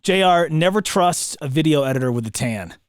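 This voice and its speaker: A man co-hosting a casual podcast, telling stories in a slangy, excitable way with repeated words. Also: fairly high pitch, brisk, dry recording, clean studio sound. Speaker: podcast co-host; broadcaster. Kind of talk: casual chat.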